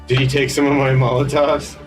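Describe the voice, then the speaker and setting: A man's voice: mid-range voice, flat delivery, a little fast. A man playing a tabletop game, joking and laughing a lot. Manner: giggly, joking. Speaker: player. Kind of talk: casual tabletop play. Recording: distant mic with loud music behind.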